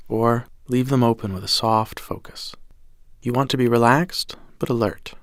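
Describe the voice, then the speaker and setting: A man gently narrating a scripted guided breathing meditation in a calm, measured way, with soft phrase endings. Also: mid-range voice, dry recording, clean studio sound. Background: music.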